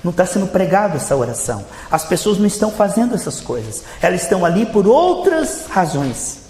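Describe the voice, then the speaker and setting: A man's voice: high-pitched, big pitch swings, a little fast, a little mellow. A man with a Brazilian Portuguese accent preaching a sermon as a pastor, emphatic and repeating phrases for effect. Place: church hall during a service. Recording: reverberant church hall.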